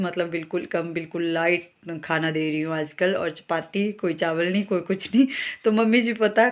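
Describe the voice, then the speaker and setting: A woman vlogger in her thirties from Himachal Pradesh talks through a hard week at home. Her voice stays level and flat, with little rise and fall. She rambles and circles back, tired and worried. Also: lowish voice. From Himachal Pradesh, India. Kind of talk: casual vlog talk.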